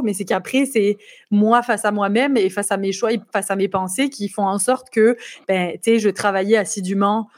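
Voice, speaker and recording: French woman with a light Québec lilt. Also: medium pitch. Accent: French with a light Québécois touch. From France. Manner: hesitant, many fillers and restarts. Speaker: interview guest. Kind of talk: casual interview over a live call.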